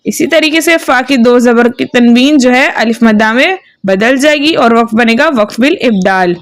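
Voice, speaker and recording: A woman's voice: on the high side, normal speed, no echo, clean studio sound. A woman teaching Quran reading, drilling syllables in patient call-and-response. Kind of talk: slow drilled reading lesson.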